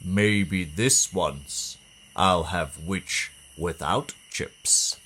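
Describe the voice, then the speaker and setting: A mean, hungry dragon from a children's storybook, as a storybook narrator acts him out. He draws his words out very slowly, relishing the menace, and speaks forcefully with faint noise behind. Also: low-pitched, heavily acted. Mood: gloating. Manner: slow, drawn-out, relishing menace.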